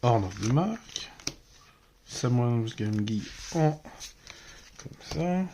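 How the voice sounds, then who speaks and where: A man's voice: mid-range voice, animated, very slow, background noise. A man with a French accent casually commenting while opening card packs, mumbling card names aloud as he goes. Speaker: card collector opening boosters.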